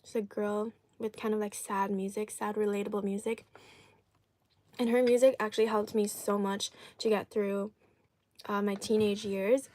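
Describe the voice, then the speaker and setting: A woman hosts a casual live eating stream at an ordinary mid-range pitch. She talks while chewing, her words shaped around mouthfuls of food. Her delivery is informal and chatty, addressed straight to viewers. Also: little pitch movement, normal speed, darkish tone, dry recording.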